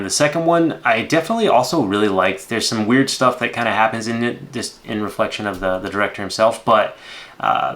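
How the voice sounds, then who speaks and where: A man in his thirties with a fairly low voice gives casual film commentary. He talks in a rambling, conversational way as the host of a reaction video. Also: fairly bright tone.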